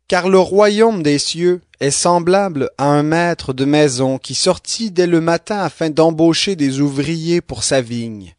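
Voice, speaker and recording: A man reading scripture aloud in a calm, even way. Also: on the high side, no room sound, clean studio sound. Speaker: Bible reader.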